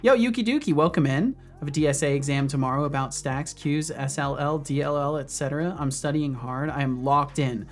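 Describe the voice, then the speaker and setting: A game developer in his thirties streams from his home office, chatting relaxedly with viewers as he codes. His voice sits on the high side and moves a little fast with hardly any pauses, over faint background music.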